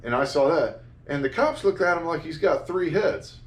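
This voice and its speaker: A man chatting casually about a movie he reviews, sarcastic and fond of flat mock voices. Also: a little high, normal speed. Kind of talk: casual chat. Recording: echoey room, mic far off.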